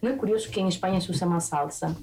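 A woman's voice: lowish voice, very fast, vocal fry, far from the mic, soft background music. Chatty Peruvian woman, slightly off-mic. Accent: Peruvian Spanish. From Peru. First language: Spanish. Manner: lively, talkative, restarts often. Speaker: chef, interview guest. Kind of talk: casual interview chat.

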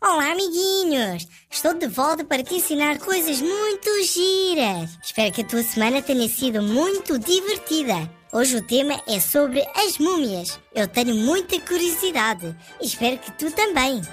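A woman's voice: sits high, sing-song, moderate pace, faint music behind. A woman voicing a friendly little know-it-all who explains things to children in scripted narration. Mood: friendly, instructive. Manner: clear explaining, greets young listeners.

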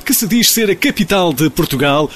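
A man's voice: high-pitched, animated, moderate pace, fairly bright tone. A man playing an earnest but cheeky newspaper reporter giving mock live reports in a radio comedy sketch. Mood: mock-solemn.

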